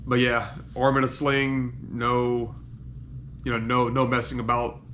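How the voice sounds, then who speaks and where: A slow-speaking man gives a casual, unscripted recovery update in halting phrases that often trail off. He is in pain after surgery, on painkillers and stuffed up with a cold, with faint noise behind him. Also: medium pitch, completely flat delivery, a bit bright. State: congested from head cold and sinus trouble. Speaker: patient giving a recovery update. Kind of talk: casual personal video diary, unscripted.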